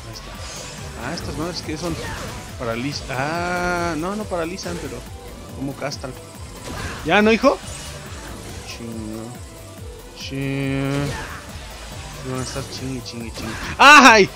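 A young man with a Mexican Spanish accent giving casual, excitable gameplay commentary, swearing and yelping at the game. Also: medium pitch, takes it slowly, long pauses. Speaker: gameplay streamer. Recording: game music in the background.

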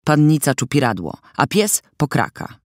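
Man doing a gruff sullen housekeeper woman, scornful, audiobook character, dry close sound. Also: medium pitch, very animated, normal speed, dry recording. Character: grim hulking middle-aged housekeeper woman.

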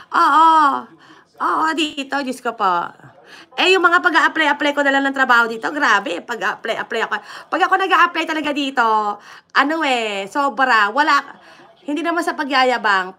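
A woman's voice: high voice, bright, forceful tone. A woman from the Philippines with a Filipino accent, chatting casually with viewers on a livestream, switching between Tagalog and English and laughing often. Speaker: livestream host.

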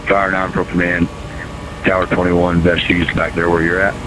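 A man's voice: deep voice, completely flat delivery, moderate pace. A man working as a fire incident commander, giving brief procedural orders in terse emergency radio traffic. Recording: noisy fireground radio recording with engine hum.

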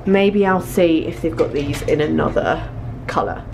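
A young British woman vlogs about fashion from a small clothing store fitting room, speaking informally into a handheld camera and repeating words for emphasis as she tries clothes on. Her deep voice is a little mellow, with vocal fry and a measured pace, on a low-quality recording with slight background noise.

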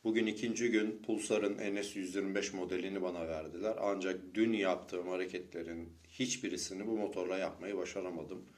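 A man talks to camera in the style of a personal vlog. He gives an update as a motorcycle vlogger, with his pitch sitting clearly on the deep side. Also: steady tone, fairly quick, hardly any pauses.

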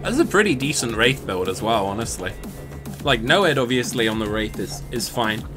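A man's voice: medium pitch, lively intonation, moderate pace, music in the background. A man streaming a game, chatting playfully and explaining his choices. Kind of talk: casual gameplay commentary.

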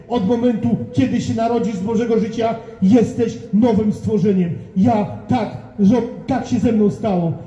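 A man's voice: extremely high pitch, dark tone. An older man preaching fervently in the open air, repeating himself and addressing passers-by directly. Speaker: street evangelist. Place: town market square outdoors. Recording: echoey, dull lo-fi outdoor recording.

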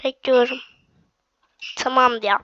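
A woman's voice: sits high, fairly even intonation, slow pace, sharp tone, dull audio, a little hiss or hum. A young woman hosting her own game video, chatting to viewers in a casual way while sick with a cough. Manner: chatty, addresses viewers directly. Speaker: gaming channel host.

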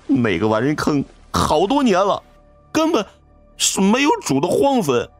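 A man's voice: high voice, huge pitch swings, a little slow, no room sound, soft background music, voice pushed up, full character voice. A man voicing a frightened young male cousin who stammers and pleads. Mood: pleading.

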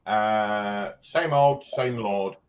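A man with a low voice hosts a relaxed livestream and talks slowly through viewers' messages, laughing easily. The sound is a bit dull, with a faint hiss underneath. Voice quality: chatty and jokey, laughs often. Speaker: livestream host. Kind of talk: casual livestream chat, reading viewer comments aloud. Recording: slightly dull sound with faint background noise.

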